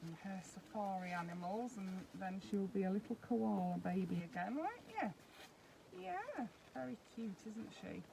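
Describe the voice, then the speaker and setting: A woman's voice: medium pitch, lively intonation, normal speed, vocal fry, noisy background. A woman vlogging a casual unboxing, chatting and explaining each step as she handles the doll.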